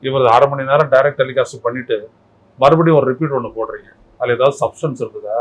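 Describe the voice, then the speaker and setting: A man's voice: mid-range voice, steady tone, fast talker, lo-fi sound. A man talking as a political commentator in a heated interview, combative and mocking, firing off rhetorical questions. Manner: mocking, scolding tone.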